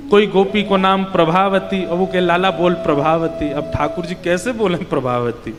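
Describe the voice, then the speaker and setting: High-voiced man preaching a devotional sermon. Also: normal speed, long reverb tail. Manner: acts out child and mother voices in the story, lively. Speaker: Bhagavat katha preacher.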